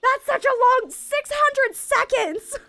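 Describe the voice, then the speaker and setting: Chatty high-voiced woman streamer. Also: expressive, slow pace, gravelly, sharp tone, no room sound. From Maine, USA. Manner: chatty and rambling, laughs often, talks to chat. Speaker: game streamer. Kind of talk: casual chat while streaming a game.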